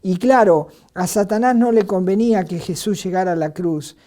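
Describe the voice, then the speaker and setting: An Argentine woman preaching a sermon in an earnest way, asking rhetorical questions and pausing on filler words. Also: medium pitch, dark tone. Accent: Argentine Spanish.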